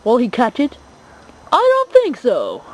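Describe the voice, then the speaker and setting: A woman doing excitable mock-announcer commentary on a home video, breaking into frequent shrieks. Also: fairly high pitch, a little slow, a little hiss or hum, low-quality recording. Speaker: stunt commentator.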